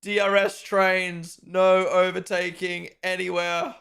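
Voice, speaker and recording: A man's voice: sits high, flat delivery, slow, vocal fry, fairly bright tone, clear, resonant tone. A young man from Australia and New Zealand hosting a live race watchalong, giving chatty, opinionated commentary and talking to his chat.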